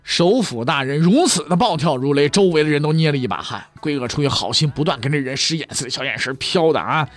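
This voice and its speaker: A man's voice: a little high, lively intonation, a little fast, few pauses, faint music behind. A man telling history in a comic pingshu storytelling style, full of jokey asides and rhetorical questions to his listeners.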